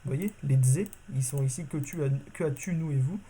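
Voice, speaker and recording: A man with a fairly high, warm, slightly rough voice teaches a constructed language in a casual video lesson at a brisk pace. He talks informally, uses lots of fillers, and often corrects himself mid-sentence.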